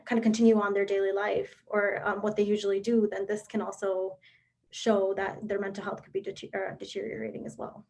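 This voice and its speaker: Earnest woman with a flat, even voice. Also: medium pitch. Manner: earnest, repetitive, lots of "you know" fillers. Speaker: mental health presenter. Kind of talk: informational talk on a live video chat.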